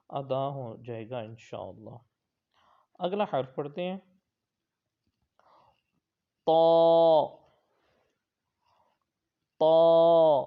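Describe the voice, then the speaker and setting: A male Quran teacher giving an Arabic letter pronunciation lesson in Urdu, explaining patiently and then drawing each letter out loud and slow. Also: medium pitch, dull audio.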